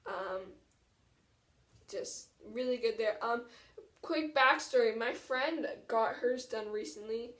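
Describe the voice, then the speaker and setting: Speaking slowly with a fairly high, fairly bright voice, a teenage woman vlogs informally and self-deprecatingly in a small tiled bathroom at home. Her camera sits propped roughly arm's length away, giving distant, echoey audio.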